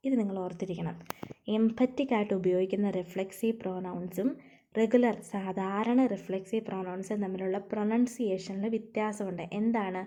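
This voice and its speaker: A woman English teacher with a Malayali accent, explaining grammar rules in a lecture. She dictates English slowly and then explains quickly, repeating key phrases with strong emphasis. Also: medium pitch, steady tone, mellow. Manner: switches between slow dictated English and rapid Malayalam explanation.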